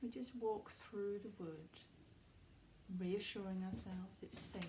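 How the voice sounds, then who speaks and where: With a steady, medium-pitched voice, a woman gives soft, unhurried meditation guidance, pausing between phrases. She sounds soothing and reassuring, and background noise can be heard.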